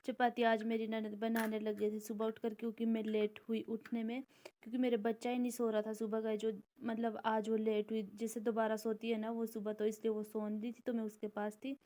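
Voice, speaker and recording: A woman's voice: on the high side, monotone, fairly quick, warm tone. A young mother from the Indian hills, chatting easily as she walks through her cooking and childcare. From Indian hill region. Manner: easy, chatty, explains each step. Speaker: vlogger, mother of two daughters. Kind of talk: casual daily-routine vlog voice-over.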